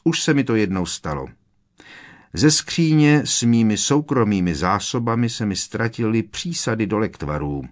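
A man's voice: on the low side, lively intonation, lightly acted. A man voicing a cold, sneering middle-aged potions master who speaks in a clipped, hissing way, in an audiobook reading. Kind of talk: audiobook character voice.

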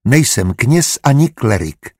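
A man's voice: medium pitch, big pitch swings, darkish tone, dry recording, clean studio sound. A man reading as a smug, charming spy. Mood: amused. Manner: amused, smooth-talking.

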